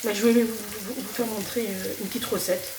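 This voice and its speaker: Speaking at a medium pitch, a little fast and with a steady tone, a young cooking vlogger with a slight cold rambles hesitantly through a home video, using many fillers and restarts. Her voice comes from far off in an echoey home kitchen, with a noisy background of sizzling and stirring.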